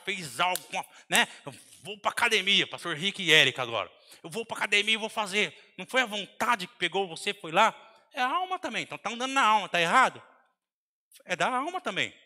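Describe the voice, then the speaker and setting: A man with a Brazilian Portuguese accent preaching a sermon in a large church hall, breaking into sudden shouts between softer asides. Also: sits high. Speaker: pastor. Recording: long hall reverb.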